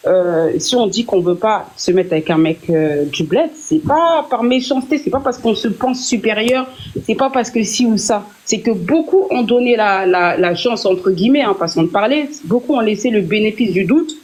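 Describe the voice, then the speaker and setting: A woman's voice: medium pitch, normal speed, a little mellow. A young French woman, a guest on a live stream, speaking in candid, earnest casual chat with fillers and restarts. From France.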